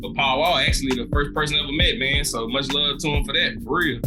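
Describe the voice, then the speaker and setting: A laid-back man with a Southern US accent and a fairly high voice tells stories, laughing often and dropping "man" into every line. Clear music plays behind him throughout the recording. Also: fairly even intonation, fast. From Louisiana, US. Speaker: guest comedian. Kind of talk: casual podcast interview.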